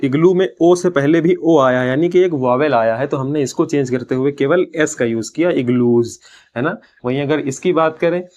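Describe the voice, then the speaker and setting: A man teaching English grammar in a classroom-style lesson. He explains step by step, asks his own questions and answers them, and reads English terms slowly and deliberately. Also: mid-range voice, darkish tone.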